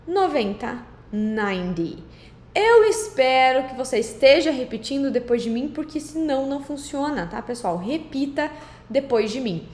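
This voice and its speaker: A woman with a fairly high voice teaches numbers in an unhurried, drawn-out way, pausing between each word. She mixes careful drills with chatty teacherly asides. The room around her rings with echo, and a faint hum sits underneath. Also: darkish tone. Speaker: English teacher. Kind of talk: classroom-style lesson. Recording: roomy echo with faint background noise.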